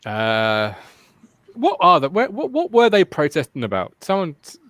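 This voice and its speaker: A man's voice: on the high side, wildly swooping pitch, moderate pace, a bit bright, dry recording. An English man hosting a casual fan podcast, joking and laughing as he tells anecdotes. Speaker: podcast host.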